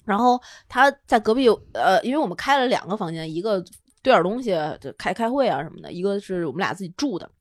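An animated woman, telling a personal story on a podcast. Her pitch swings widely as she acts out the people in her tale. The recording is dry and close, with no room sound. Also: fast, no room sound. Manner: animated, laughing storyteller with lively quoted dialogue. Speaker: podcast co-host. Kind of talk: casual storytelling chat.

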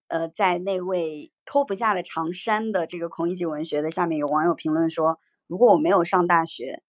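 A woman's voice: fairly low pitch, no echo. A woman hosting a casual livestream discussion, reflective, reading out viewer comments and musing on them. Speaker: podcast host.

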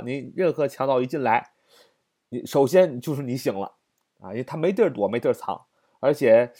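A man's voice: mid-range voice, a little mellow. A man giving a casual vocabulary lesson, repeating each word and spelling it out letter by letter, with chatty asides. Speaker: English vocabulary teacher.

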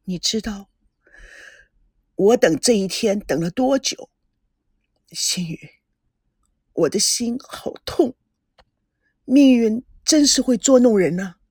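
A woman reading a story aloud, voicing a heartbroken, earnest young groom who is leaving for the army. Her voice is husky and breathy. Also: a little high, lively intonation, a little slow, pauses often, dry recording, clean studio sound, full character voice. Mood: anguished.

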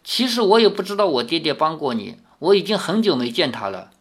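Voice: mid-range voice, very animated, fairly quick, breathy edge. A reader voicing a naive young man who answers earnestly and stammers when embarrassed. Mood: flustered.

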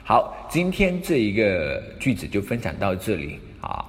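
A man's voice: fairly low pitch, huge pitch swings, measured pace. A man hosting a spoken English lesson, explaining step by step with many fillers. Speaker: English teacher and host. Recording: long room reverb.

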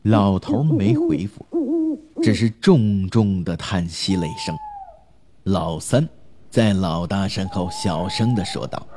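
A man narrating a spooky folk tale in a measured, dramatic way. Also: low-pitched, sing-song, background noise. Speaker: storyteller.

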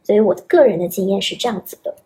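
A woman's voice: mid-range voice, very fast, dark tone. Young woman explaining English pronunciation. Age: young adult. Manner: patient, instructive, demonstrates sounds. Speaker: guest, English teacher. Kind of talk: explanatory podcast interview.

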